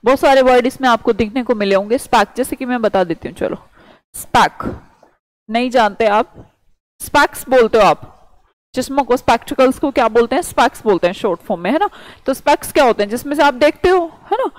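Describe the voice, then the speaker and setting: Woman teacher, higher voice, dry close-mic lecture, keeps asking questions and answering them. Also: lively intonation, fairly quick, no room sound, rough recording. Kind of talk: vocabulary lecture.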